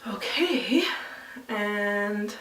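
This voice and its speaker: Woman, makeup vlogger, casual how-to chat, middle pitch, echoey room, a little off-mic. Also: animated, drawn-out words, fairly bright tone, distant mic. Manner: chatty, explains while applying, with fillers.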